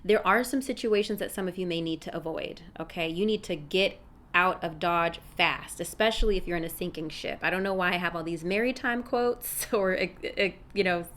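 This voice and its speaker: A woman's voice: on the low side, normal speed, a bit bright. A woman giving a casual fortune-telling tarot reading, speaking familiarly and directly to the listener with emphatic advice, with street noise behind her. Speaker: tarot reader, fortune teller. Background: rush-hour street noise.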